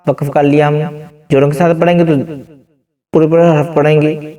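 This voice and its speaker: Man teaching Quran reading, chants syllables slowly, higher voice, heard from a distance. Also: level tone, warm tone. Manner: slow syllable-by-syllable drilling, breaks into chanted recitation. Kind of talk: spelling-out recitation lesson. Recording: distant from the mic.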